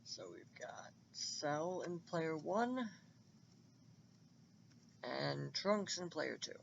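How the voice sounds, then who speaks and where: A man giving casual, excitable and rambling commentary on a computer game fight, on a dull lo-fi recording with faint hiss. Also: a little high, extremely slow, gravelly. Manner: excitable and rambling, with many restarts.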